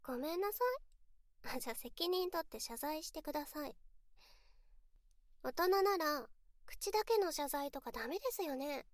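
A woman's voice: high-pitched, expressive, normal speed, pauses often, no echo, studio quality. A woman voicing a bratty young female streamer who speaks sweetly and politely while mocking and insulting her viewers, in a voice drama role-play.

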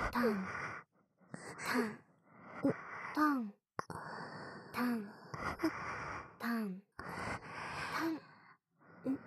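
A woman voicing a bratty, domineering young woman in an audio role-play, talking in rough slang and counting out a rhythm. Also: on the high side, noisy background.

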